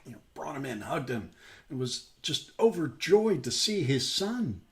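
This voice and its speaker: A man hosts a daily scripture stream, discussing a parable in an animated, conversational Bible study style. His mid-range voice moves at a measured pace, and he leans on fillers like "you know" again and again.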